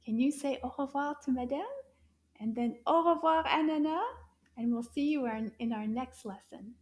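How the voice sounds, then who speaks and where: Woman, kids' language teacher, high voice, unhurried, sing-song, whispers for effect. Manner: slow, sing-song and encouraging, with sudden soft whispers. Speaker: French teacher for children.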